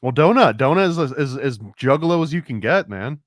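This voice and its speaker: A man's voice: medium pitch, lively intonation, brisk, dry recording, studio quality. A man co-hosting a casual podcast chat, rambling and laughing often, his talk full of "like". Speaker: podcast co-host.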